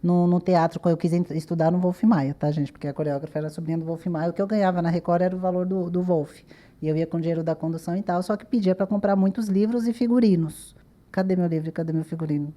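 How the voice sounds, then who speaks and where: A young woman chats as a podcast guest, rattling off stories at a quick clip. Her voice sits low and mellow, and she acts out the other people in her tales. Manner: lively storyteller, acts out quoted dialogue. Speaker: podcast guest, dancer and TV journalist. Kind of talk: casual interview chat.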